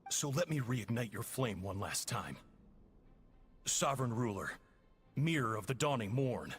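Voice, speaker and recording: A man's voice: mid-range voice, expressive, a little slow, natural voice. A man playing a smug, menacing artificial agent in a video game, speaking in a mocking, theatrical and formal way.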